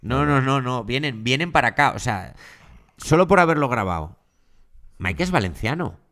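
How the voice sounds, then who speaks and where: A man's voice: medium pitch, animated, moderate pace, a bit bright. A man co-hosting a podcast in casual chat, giving exaggerated, mock-dramatic warnings. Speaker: podcast co-host.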